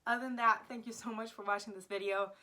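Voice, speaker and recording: Bright, giggly young American woman. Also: a little high, steady tone, fast talker. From Florida, United States. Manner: giggly, laughs often, chatty with many "like" fillers. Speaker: language vlogger. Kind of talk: casual talk to camera.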